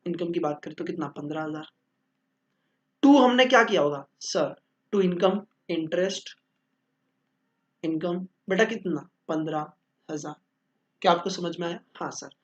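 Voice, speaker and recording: A man's voice: high voice, fairly bright tone. A man teaching accounting in a joking, bantering lecture, answering his own questions.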